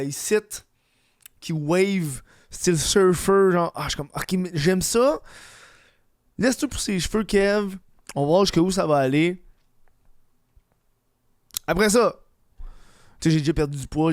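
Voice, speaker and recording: Quebec guy doing a loose funny solo podcast, slushy lispy s, swears a lot, clear voice, super dry close sound. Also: fairly high pitch, measured pace, pauses often, no room sound. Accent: Quebec French. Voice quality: lisp, slushy s from dental aligners. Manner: rambling, swearing, slangy. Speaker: podcast host. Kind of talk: casual comedic solo podcast.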